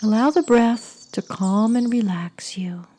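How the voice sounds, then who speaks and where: A woman guides a meditation at a very unhurried pace. Her voice is soft and mellow, with a husky breathiness that often drifts toward a whisper. The delivery is soothing throughout. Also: fairly high pitch.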